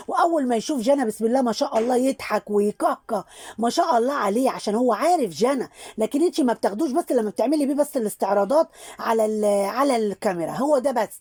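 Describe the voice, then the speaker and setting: Egyptian woman commentator, high, quick and husky voice, scolding and sarcastic. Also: expressive, a little mellow. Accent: Egyptian Arabic. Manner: scolding, mocking and preachy. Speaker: social media commentator. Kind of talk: satirical commentary on social media figures.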